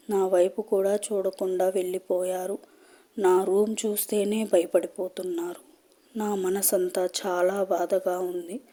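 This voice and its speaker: A woman narrating a first-person horror story in a slow, hushed storytelling manner. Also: mid-range voice.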